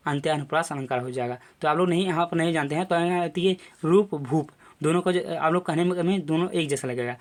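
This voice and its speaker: A young adult male teacher giving a classroom lecture video, explaining step by step with lots of repetition and filler phrases. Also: fairly high pitch.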